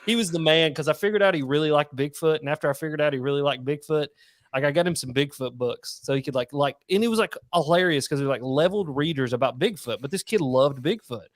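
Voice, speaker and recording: A man's voice: fairly high pitch, fast talker, no room sound. A man, a former elementary school teacher, telling funny stories in casual podcast chat and acting out the quotes. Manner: animated storyteller, acts out quotes.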